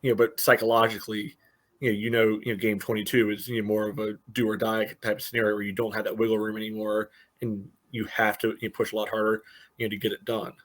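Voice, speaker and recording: This lowish, quick male voice shows little pitch movement. He co-hosts a soccer podcast, talking sports casually and hesitantly, with lots of filler phrases and a heavy reliance on "you know."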